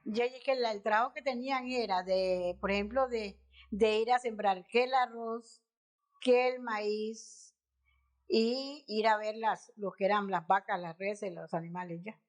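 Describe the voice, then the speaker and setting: A woman's voice: medium pitch, fairly even intonation, unhurried. An older woman with a Guanacaste Costa Rican accent, explaining how the haciendas worked, searching for words as she talks. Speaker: interviewee. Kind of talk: documentary interview.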